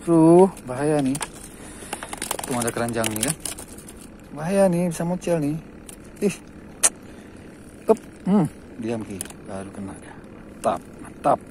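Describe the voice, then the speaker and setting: A man's voice: fairly high pitch, animated, unhurried, pauses often, noisy background. A man from Aceh commentating live on his own fishing trip, calling out and repeating short words whenever a fish bites. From Aceh, Indonesia. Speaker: fishing vlogger. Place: outdoors by the water.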